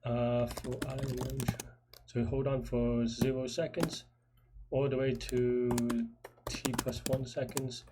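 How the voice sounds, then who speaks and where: Keyboard typing, clicks and faint noise accompany a man who live-solves a programming puzzle, casually thinking aloud in hesitant, muttered fragments. He speaks in a mid-range voice with a flat, unhurried delivery.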